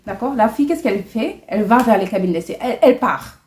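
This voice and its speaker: A woman's voice: fairly high pitch, expressive, fast, darkish tone. Chatty young woman, roomy sound. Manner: chatty and indignant, mixing in English and Wolof. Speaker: vlogger. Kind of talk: storytime vlog. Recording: echoey room.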